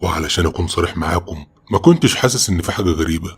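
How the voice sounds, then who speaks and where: A man with an Egyptian Arabic accent telling a first-person horror story in a brisk, dramatic, scripted narration. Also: sits low, expressive, creaky, slightly rough.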